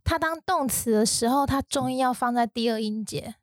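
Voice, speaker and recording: A woman teaching English vocabulary, her voice pitched high. She lays out each point methodically, one step at a time. The recording is dry and close. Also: normal speed, no room sound. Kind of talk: explaining vocabulary.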